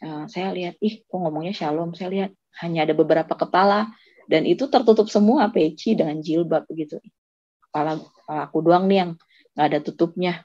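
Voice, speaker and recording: A woman's voice: lowish voice, brisk, warm tone, no echo. A woman telling her personal testimony in an earnest, emotional way. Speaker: testimony giver. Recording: slightly dull lo-fi audio.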